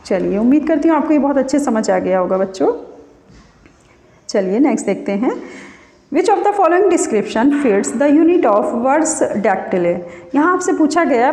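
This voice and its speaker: A woman teaches an exam-prep literature lesson in a fairly high voice. She poses each question to her students and then answers it herself. The room is echoey, with a long reverb trailing behind her. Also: darkish tone. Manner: explains by asking and answering her own questions.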